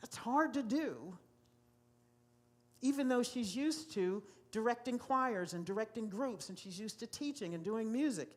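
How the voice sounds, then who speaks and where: A woman's voice: on the high side, lively intonation, measured pace. A woman pastor preaching a sermon to a congregation in a church, emphatic and given to repeating key phrases. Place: church sanctuary.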